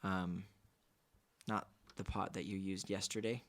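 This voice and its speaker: Goofy deadpan young man vlogging. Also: low voice, measured pace. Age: young adult. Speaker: singer-songwriter. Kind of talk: casual vlog chat.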